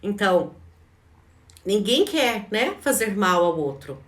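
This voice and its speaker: A woman's voice: mid-range voice, sing-song, takes it slowly. Brazilian woman teaching in a roomy, distant recording. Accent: Brazilian Portuguese. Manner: conversational, tags nearly every phrase with a questioning "né?"; frequent restarts and repeated words. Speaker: behavioral coach. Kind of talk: live online class, answering chat.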